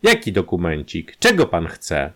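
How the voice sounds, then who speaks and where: A man voicing an agitated middle-aged factory owner under suspicion, shouting in a raised, strained voice. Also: fairly low pitch, very animated, moderate pace, vocal fry, husky, voice pushed up, heavily acted. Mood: angry.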